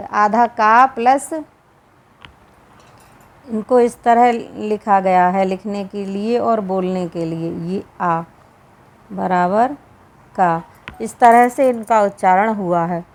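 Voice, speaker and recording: In a fairly high voice and a Hindi accent, a woman teaching Sanskrit works through a grammar lesson, reading and explaining it at a slow, deliberate pace and drawing every sound out.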